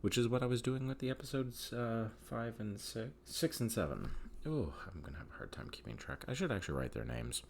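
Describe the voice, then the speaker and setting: A man's voice: lowish voice, big pitch swings, a little fast, creaky, a little hiss or hum. A man giving a casual, rambling spoken review of a TV episode, candid and opinionated, with many fillers.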